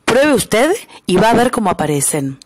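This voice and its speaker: Wise little louse, storybook, woman narrator doing it, lively lift. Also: mid-range voice, moderate pace, no room sound, studio quality. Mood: calm, persuasive. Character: clever little male louse, calm and wise.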